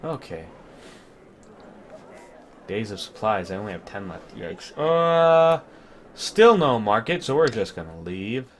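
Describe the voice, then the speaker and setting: A man's voice: lowish voice, sing-song, slow pace, long pauses. A man hosting a let's play, reading game story text aloud and breaking off to comment casually. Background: game soundtrack music.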